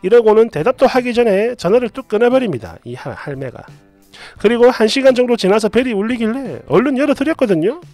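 A woman's voice: fairly high pitch, animated, fast, dark tone, no room sound, faint music behind. A woman narrating a reader's story aloud in a chatty, exasperated way.

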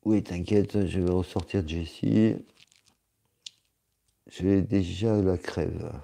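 A male streamer talks loosely to his viewers, filling gaps with hesitations and teasing jokes. His voice sits low and sounds deeply warm and dark. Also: steady tone, takes it slowly, creaky. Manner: rambling, joking, many hesitations. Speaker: live streamer reading chat. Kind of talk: casual live-stream chat.

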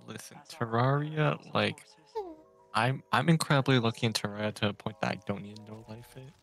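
A man's voice: mid-range voice, fairly even intonation, brisk, gravelly, a bit bright, soft background music. A man chatting casually and joking on a stream, boastful in tone.

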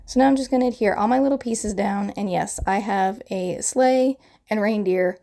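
A woman's voice: mid-range voice, moderate pace, vocal fry, mellow. A woman in her thirties with a crackly morning voice, chattily narrating a card-making tutorial voiceover and explaining each step.

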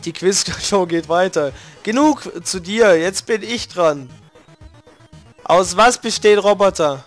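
A man's voice: high-pitched, lively intonation, a little slow, soft background music. A man putting on a robot voice for a flamboyant male robot game-show host from a video game, announcing theatrically. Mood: showy, menacing. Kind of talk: reading game dialogue aloud.

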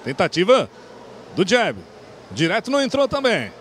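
Male play-by-play boxing commentator, excited and projected, very high pitch, faint arena noise. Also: moderate pace. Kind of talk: live boxing broadcast commentary.

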